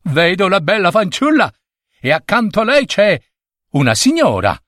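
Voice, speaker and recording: A man voicing a blind young prince in a fairy tale, crying out high and excited, repeating himself. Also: normal speed, breathy edge, dry recording, studio quality, heavily acted.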